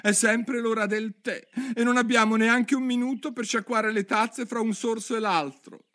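Male narrator as an indignant, excitable hatter: high, loud, bright, sing-song outbursts. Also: normal speed. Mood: theatrical. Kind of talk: audiobook reading.

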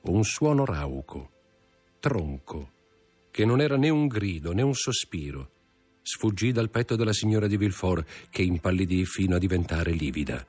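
A man giving measured, dramatic audiobook narration. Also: deep voice, animated, darkish tone, slightly rough, faint music behind.

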